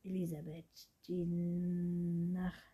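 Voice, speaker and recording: Cheeky boy vampire, hissing and whispering, breathy, a touch higher, slow and teasing, done by a woman reading aloud. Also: completely flat delivery, mellow, heavily acted. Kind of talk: storybook reading.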